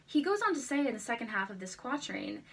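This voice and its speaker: A woman's voice: fairly high pitch, huge pitch swings, quick pace, gravelly, fairly bright tone, breathy edge. Formal woman presenter, set back from mic. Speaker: presenter explaining a poem. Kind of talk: prepared explanatory presentation. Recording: distant microphone.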